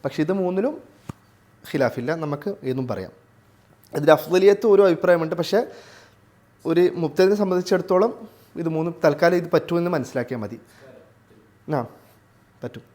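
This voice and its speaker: A man with a fairly high voice leads a classroom lesson on recitation. He voices each Arabic phrase slowly and deliberately. Then he walks his students through its meaning. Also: lively intonation, mellow. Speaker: tajweed teacher.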